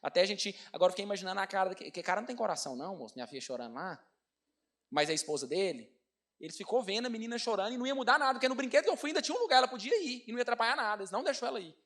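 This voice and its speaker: High, fast-talking Brazilian preacher. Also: male voice. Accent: Brazilian Portuguese. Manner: animated, addresses congregation as brothers. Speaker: pastor. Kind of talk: storytelling sermon.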